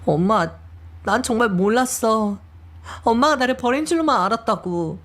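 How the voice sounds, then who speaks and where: A woman's voice: a little high, expressive, moderate pace, fairly bright tone. A woman voicing a hurt young adult daughter who reproaches her mother in an emotional audio drama reading.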